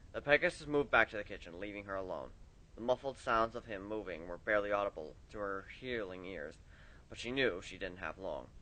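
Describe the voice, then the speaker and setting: A man reading fan fiction aloud, expressive, his loudness rising and falling with the story. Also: lowish voice, poor audio.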